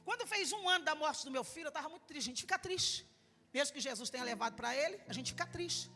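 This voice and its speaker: A woman's voice: high voice, expressive, fast. Fervent Brazilian woman preaching in a hall. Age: middle-aged. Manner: fervent, builds to shouting. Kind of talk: sermon with personal testimony. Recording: echoey hall with faint music.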